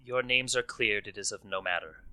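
A man voicing a poised, formal noblewoman in a tabletop game, speaking quietly and in a measured way. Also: lowish voice, very noisy, pitched below the performer's own voice, close to an everyday voice. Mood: grave.

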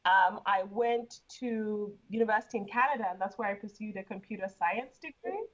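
A woman's voice: medium pitch, brisk, muffled recording. Chatty woman from Uganda. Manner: chatty, laughs often, repeats words. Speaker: guest. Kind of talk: casual interview.

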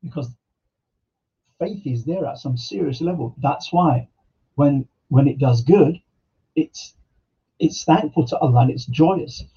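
A man with a very dark, husky voice gives a reflective religious talk, asking rhetorical questions and reciting Arabic scripture. The podcast audio sounds dull and lo-fi. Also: a little high, measured pace, long pauses. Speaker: Islamic teacher. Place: podcast studio.

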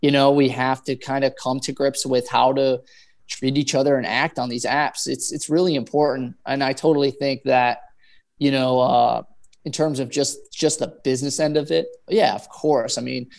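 Guy just chatting unscripted, mid pitched voice, rambly and halting, casual storyteller type. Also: vocal fry. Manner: halting, rambling, animated storytelling with acted-out quotes. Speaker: chef, guest on the show. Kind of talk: casual chat, natural unscripted talk.

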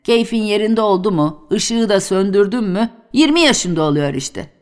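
A woman voicing a boisterous, earthy old male workman in a dramatic novel reading, lively and exclaiming. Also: mid-range voice, moderate pace, clear, resonant tone, lightly acted. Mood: coaxing.

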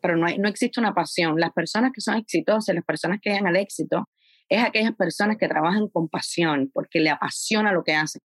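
A woman guest on a podcast, telling her story in a lively, conversational way. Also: lowish voice, quick pace, no echo. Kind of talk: casual conversation.

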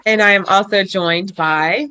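A woman podcast host who has lost her voice, talking in a hoarse, raspy, whispery way as she casually interviews children. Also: mid-range voice, unhurried, bright, forceful tone.

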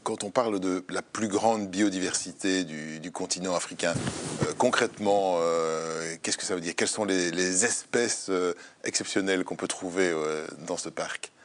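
A man's voice: deep voice, normal speed, a little hiss or hum. A man hosting a studio interview, introducing his guest and asking questions in a conversational way with brief fillers. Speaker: host.

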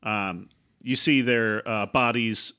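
A man's voice: lowish voice, steady tone, pushed and bright, clean tone. A man improvising narration as game master of a tabletop role-playing game, often searching for his words. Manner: halting, searching for words as he describes scenes.

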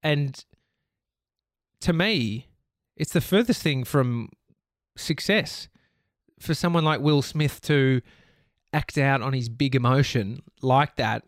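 Australian male podcast host, mid-pitched, candid storyteller who rambles and swears, dry close mic. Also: takes it slowly, no echo. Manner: candid, rambling, swears freely, self-reflective. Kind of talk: casual storytelling monologue.

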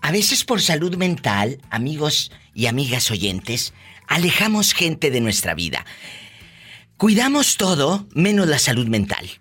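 A woman's voice: low-pitched, very animated, measured pace, a bit bright, slightly rough, soft background music. A woman hosting call-in banter in a teasing, colloquial, exclamatory way. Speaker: radio show host.

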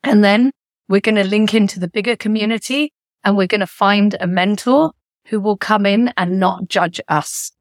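A middle-aged woman, a founder and author, talks through her experiences in a thoughtful interview voice. Her pitch sits in a middle range and the recording is dry and close-miked. She gets lively whenever she retells a story. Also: moderate pace, dry recording. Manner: reflective, animated when retelling stories. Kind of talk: conversational interview.

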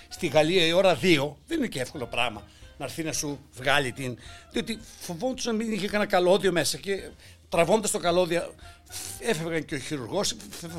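A man delivering a mocking satirical monologue, swinging between loud outbursts and hushed asides. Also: on the high side. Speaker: satirical commentator.

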